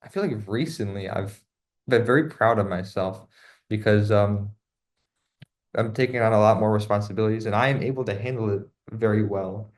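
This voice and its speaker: A young man, a student co-host in casual talk, relaxed and full of fillers. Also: lowish voice, normal speed. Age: young adult. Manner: relaxed, many fillers like 'um' and 'you know'. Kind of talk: casual podcast conversation.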